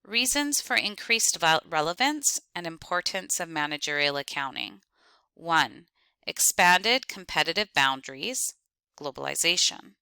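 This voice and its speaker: A woman lecturing on accounting, reading out terms, definitions and lists in clipped, deliberate steps. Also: deep voice, animated, bright, forceful tone, smooth, dry recording. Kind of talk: reading lecture slides aloud.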